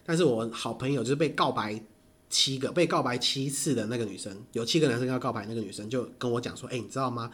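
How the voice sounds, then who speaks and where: A man, telling stories in casual chat, animated and laughing often. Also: mid-range voice, fast.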